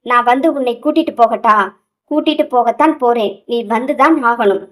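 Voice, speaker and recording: A woman's voice: a little high, brisk, natural voice. A woman voicing an angry young man who scolds bluntly, in an audio novel. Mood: stern, scolding.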